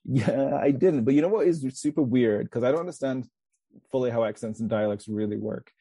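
A man's voice: mid-range voice, fairly quick, mellow, husky, no echo. English-born guy in his 40s, mostly canadian accent, chatty, dry close mic. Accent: Canadian, with faint Mancunian traces. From England. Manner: chatty, rambling, with frequent restarts and laughs. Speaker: guest author. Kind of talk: casual podcast interview.

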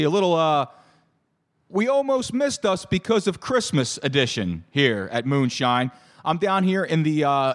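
Hoarse man hosting a casual talk show. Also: on the high side. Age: 30s. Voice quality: hoarse, worn-out voice. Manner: halting, repeats and corrects himself, jokey. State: voice shot and hoarse. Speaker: solo host of a fantasy football show.

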